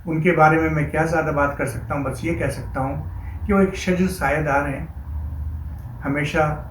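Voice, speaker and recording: A man's voice: fairly high pitch, fairly even intonation. Formal male host in an echoey room. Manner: formal, measured and admiring. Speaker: show host. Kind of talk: scripted tribute segment. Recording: echoey room with faint noise.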